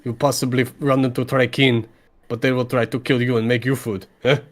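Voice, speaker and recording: A man's voice: mid-range voice, little pitch movement, brisk, natural voice. A man voicing a small, pushy male rabbit contractor who speaks in broken English with hustling sales patter. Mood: amused.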